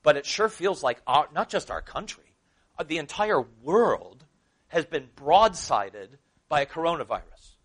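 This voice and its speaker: A man's voice: fairly high pitch, very animated, a little slow, breathy edge. Conversational man preaching a sermon. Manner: conversational, asks the listeners questions, dramatic paraphrase. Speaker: pastor. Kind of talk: sermon, reading and explaining scripture.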